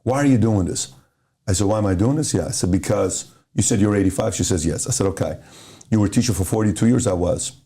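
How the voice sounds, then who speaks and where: Middle-aged man from Iran, podcast guest; low, warm delivery, animated motivational storyteller who voices the people in his anecdotes. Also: fast. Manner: animated, acts out dialogue in stories.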